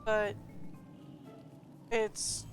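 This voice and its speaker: A woman giving casual, chatty gameplay commentary, teasingly talking to the game's characters. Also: drawn-out words. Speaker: gameplay streamer. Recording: game music behind the voice. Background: game music.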